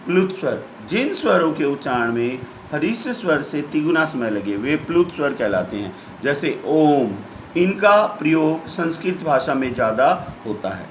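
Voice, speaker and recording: A man teaching a grammar lesson, spelling out letters and sounds one by one in a deliberate way. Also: on the high side, big pitch swings, echoey room, a little hiss or hum, poor audio. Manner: slow, deliberate, drawn-out sounds.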